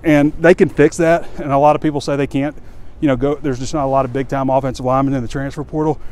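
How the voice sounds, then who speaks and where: Speaking fast in a level, mid-range voice with a darker tone, a man in his forties rambles bluntly and with frustration about sports. He's a reporter and publisher recording on a phone held out at arm's length while he circles a stadium after dark, with outdoor ambient noise around him.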